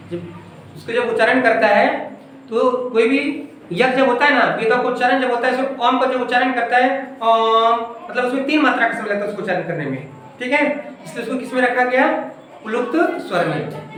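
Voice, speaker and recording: A woman's voice: a little high, fairly bright tone, a little hiss or hum. A woman teaching a grammar lesson in a coaching class. She asks the class questions and then answers them herself. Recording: echoey room, from far off.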